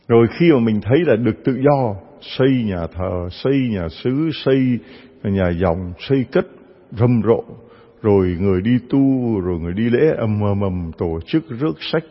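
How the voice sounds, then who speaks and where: Priest giving a sermon, raspy voice, acts out other voices, reverberant lo-fi church recording. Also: male voice, medium pitch, animated, unhurried. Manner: storytelling, acts out parishioners' voices. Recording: dull sound with long church reverb.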